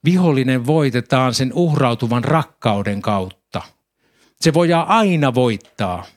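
A man preaching a sermon, calmly explaining scripture and reading passages aloud. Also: mid-range voice.

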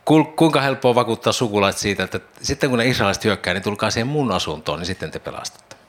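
A man's voice: on the low side, lively intonation, a bit bright. A man preaching a devotional Bible teaching, reflective, imagining the scene aloud and posing questions to his listeners.

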